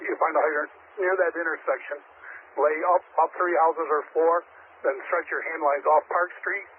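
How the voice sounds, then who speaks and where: A man's voice: fairly high pitch, steady tone, moderate pace. A male fire incident commander giving directive, step-by-step orders to crews over a two-way radio. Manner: directive, instructional. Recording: tinny radio channel with faint noise.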